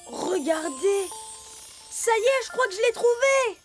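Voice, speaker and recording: Tiny chirpy animal kid, very high, bouncy pitch, impulsive, kids cartoon. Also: female voice, lively intonation, a little slow. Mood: excited. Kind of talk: French children's cartoon voice acting. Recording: music under the voice.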